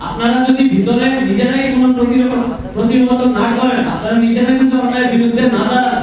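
A young student speaker giving a fiery, exhorting speech into a handheld mic at an indoor meeting. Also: male voice, very high voice, little pitch movement, quick pace, lo-fi sound. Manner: fiery, exhorting, rising to shouts. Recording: echoey hall, mic at a distance, crowd behind.

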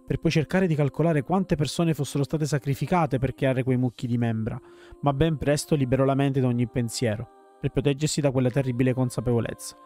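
Grave mellow-voiced male storyteller. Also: medium pitch, fairly even intonation, a little fast. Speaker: let's player reading story text. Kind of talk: dramatic reading of game story.

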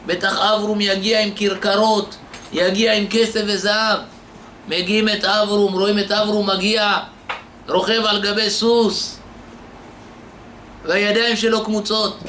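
A man's voice: high-pitched, level tone, bright, forceful tone, slight background noise. A man, a rabbi, giving a sermon and telling a story, acting out the quoted dialogue and putting rhetorical questions to his listeners. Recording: echoey room.

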